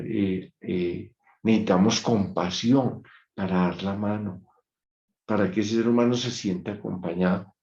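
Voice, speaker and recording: A man giving an online lecture, measured and reflective, telling an anecdote. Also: on the low side, gravelly, a little mellow. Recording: dull muffled sound in an echoey room.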